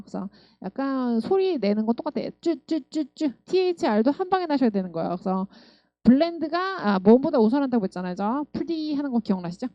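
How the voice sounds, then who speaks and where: A woman's voice: fairly high pitch, dark tone, no echo, highs cut off. A woman teaching English pronunciation, explaining and repeating words again and again as drills. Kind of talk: language lesson.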